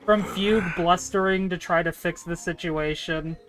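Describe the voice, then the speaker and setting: A woman's voice: lowish voice, steady tone, moderate pace, poor audio. A woman streaming a game with casual, gushing, amused reaction commentary. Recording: game music behind the voice.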